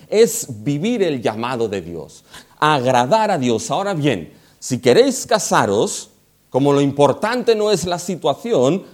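A man from preaching an expository sermon, slowing down to stress quoted scripture. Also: fairly high pitch. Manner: animated, slows for emphasis on scripture quotes.

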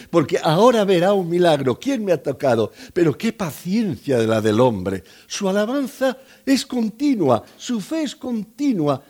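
A male pastor preaches with a husky, slightly high voice. His pitch swings widely as he acts out scenes in different voices. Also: warm tone. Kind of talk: sermon.

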